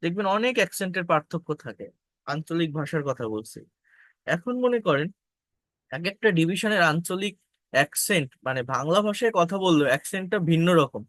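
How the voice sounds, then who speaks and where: A man's voice: on the high side, lively intonation, brisk, a bit bright, no echo. A man teaching an English pronunciation lesson, explaining patiently, repeating key points and speaking directly to his viewers. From Bangladesh.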